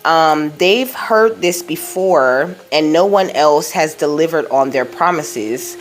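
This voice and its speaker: Speaking slowly in a deep, expressive voice, a woman does a relaxed psychic card reading. She's a tarot reader who rambles, reassures, and sprinkles "you know" and "okay?" through the messages she shares from Spirit.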